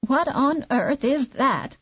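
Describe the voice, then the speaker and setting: A woman's voice: high voice, lively intonation, slow, no echo, lo-fi sound, voice pushed up. A woman voicing an old woman with poor sight, exclaiming in a raised voice.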